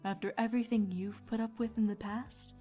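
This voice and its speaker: A woman voicing a kindly, mature pony princess and mentor in a cartoon-style fan story, with a composed, regal, measured manner. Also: on the high side, steady tone, mellow, faint music behind, natural voice.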